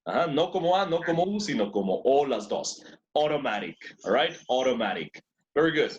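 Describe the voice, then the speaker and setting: A man's voice: a little high, sing-song, a little fast, lo-fi sound, a little hiss or hum. A man teaching an English class in two languages, who repeats words and keeps praising his students. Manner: switches between two languages to explain.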